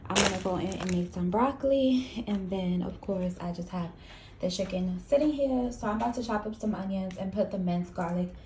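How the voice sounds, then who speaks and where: A woman's voice: medium pitch, moderate pace, a little mellow, rough recording. A young American woman chatting informally as she narrates chores and cooking for a home vlog. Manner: informal, conversational. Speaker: home vlogger. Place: indoors at home, kitchen. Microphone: handheld camera. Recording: clear household noise behind voice. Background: household appliance noise.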